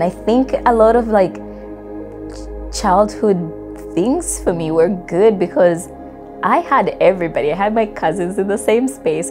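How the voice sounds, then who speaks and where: A young woman from Congo telling a personal story in an interview, reflective and loose, with many fillers. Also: lowish voice. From Democratic Republic of Congo. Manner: reflective, with frequent fillers and soft laughs. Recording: music playing underneath.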